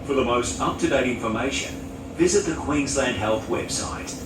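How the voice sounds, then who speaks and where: A man making formal prerecorded train announcements, his words spliced together, heard over a carriage loudspeaker. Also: moderate pace. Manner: formal, evenly paced announcing. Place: inside a moving train carriage. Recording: echoey loudspeaker from far off, loud train noise. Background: train rumble and air conditioning.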